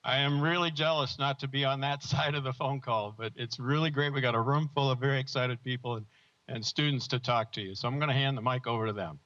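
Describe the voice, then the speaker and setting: A man's voice: mid-range voice, steady tone, quick pace, a bit bright, no echo. A man hosting an event on the ground, chatting in a friendly way over a thin space-to-ground radio link. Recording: muffled radio transmission.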